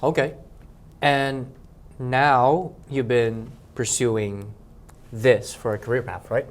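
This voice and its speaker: A man's voice: mid-range voice, steady tone, takes it slowly. A man hosting an interview show, opening with an upbeat greeting and asking his guest questions. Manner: upbeat, promo-style greeting. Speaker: show host. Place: office meeting room.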